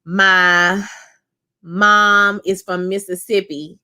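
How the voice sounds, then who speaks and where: Her smooth, mid-range voice draws out words as she casually chats with live-chat viewers while reviewing a TV episode. The streamer is a woman in her thirties from Louisiana with a New Orleans accent. She's animated and chatty, calling her chat "y'all."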